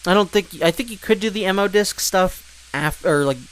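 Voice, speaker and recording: A man's voice: sits high, normal speed, a bit bright, smooth. A man giving casual gameplay commentary, rambling with joking asides and fillers. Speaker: let's play commentator.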